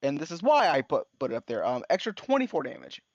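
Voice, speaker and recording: A man playing a tabletop game over a voice call, halting with many pauses as he tallies his damage. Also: sing-song, dry recording, dull audio. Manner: halting, lots of ums, slow and low when tallying. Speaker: player. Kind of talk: casual tabletop play.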